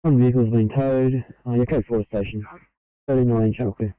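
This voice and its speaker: Australian dispatcher over a tinny radio. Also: male voice, mid-range voice, fairly even intonation, fast talker, clear, resonant tone. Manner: clipped, procedural radio codes. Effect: heard over a two-way radio. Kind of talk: radio call.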